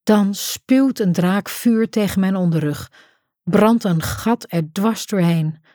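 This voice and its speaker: A woman's voice: medium pitch, takes it slowly, warm tone, no echo, studio quality. A woman narrating a first-person audiobook in an intimate, tense storytelling manner.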